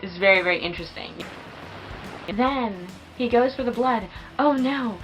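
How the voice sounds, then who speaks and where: A woman's voice: a little high, moderate pace, faint music behind, poor audio. A young woman chatting casually and enthusiastically as she reviews a movie, peppering her talk with fillers.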